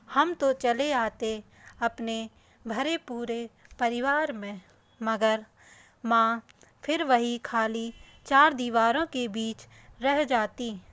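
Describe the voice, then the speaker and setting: A woman narrating an emotional family story in the first person, in a slow, soft and sorrowful reading. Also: on the high side, no echo.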